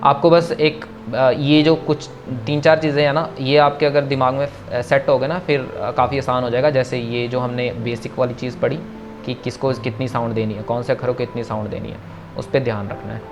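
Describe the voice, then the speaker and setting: A man teaching verse pronunciation in an online class, patiently repeating corrections and chanting lines slowly. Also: medium pitch, level tone, soft background music. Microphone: video call.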